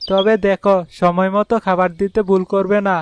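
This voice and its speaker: A man plays a friendly village fish-fry seller who offers advice in an animated fairy tale. His high-pitched voice holds a level tone at normal speed with light acting, and there's a little hiss or hum in the recording.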